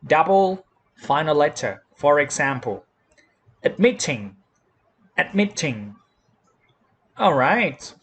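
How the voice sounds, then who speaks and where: A man with a Thai accent teaches English spelling rules at a very slow, deliberate pace. His voice sits fairly high and swings widely in pitch as he repeats each word and spells letters out. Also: animated, husky. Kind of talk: slow classroom explanation.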